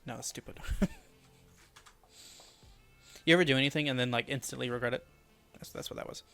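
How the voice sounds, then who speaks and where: A man's voice: medium pitch, a little fast, gravelly, faint music behind. Man murmuring names over and over. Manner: mutters and repeats made-up names to test them; often drops to a quiet murmur. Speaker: streamer building a fantasy world. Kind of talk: casual live-stream thinking aloud.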